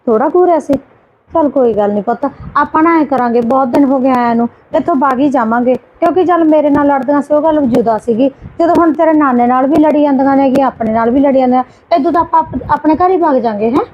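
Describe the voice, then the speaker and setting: A woman playing a gentle young mother, quick. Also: high voice, dull audio, a little hiss or hum, natural voice. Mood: reassuring. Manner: gentle questioning, reassuring. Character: young married daughter comforting her child. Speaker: actor in a family skit. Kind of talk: home-made family drama skit.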